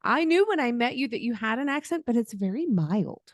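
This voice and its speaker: A podcast host from the Southern United States chats in an easygoing, friendly interview, laughing freely. Her voice is a little high, swings widely in pitch, and moves briskly. The sound is close and dry, with no room audible.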